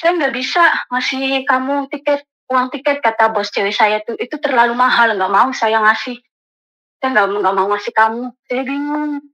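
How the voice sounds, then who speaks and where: An Indonesian woman calling in to tell her story as a domestic worker, animated and acting out the people she quotes. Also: a little high, normal speed, low-quality recording. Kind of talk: phone-in story told to an advice host.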